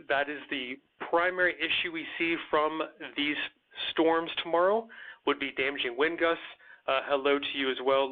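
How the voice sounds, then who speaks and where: A man hosting a live weather Q&A, answering viewer comments in an earnest, slightly stammering way with plenty of fillers. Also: fairly high pitch. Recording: tinny phone-like audio.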